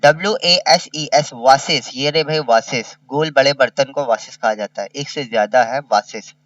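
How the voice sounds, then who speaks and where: A man's voice: medium pitch, a bit bright, no room sound, recorded from a distance, highs cut off. A man teaching a kindergarten revision lesson. He spells each word letter by letter and repeats it. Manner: slow, spells words letter by letter and repeats them.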